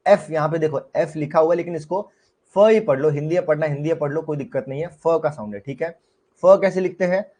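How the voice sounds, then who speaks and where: A man's voice: on the high side, a little mellow. A young Indian man teaching shorthand in a chatty live class, often checking in with his students and mixing in English words.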